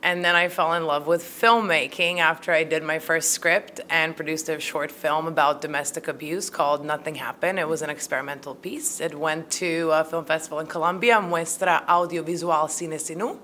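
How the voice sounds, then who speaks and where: A woman's voice: low voice, fairly even intonation, moderate pace, few pauses, sharp tone, slight background noise. A woman from Croatia in her thirties, a filmmaker answering interview questions in a chatty way with many fillers, into a handheld mic in a small room. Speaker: filmmaker and actor. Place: small room at a film festival. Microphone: handheld mic held by interviewer.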